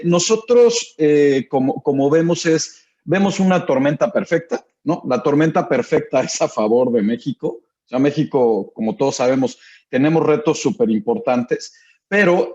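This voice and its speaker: A man presents to an online audience over a video call, posing rhetorical questions as he moves through his slides. His voice is mellow and of middling pitch. The call audio comes through dull and lo-fi. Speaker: guest speaker. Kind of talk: webinar presentation.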